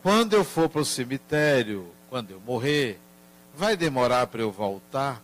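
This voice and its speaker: A man voicing his sad four-year-old grandson in a soft, halting, tearful way, in a spoken story. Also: medium pitch, big pitch swings.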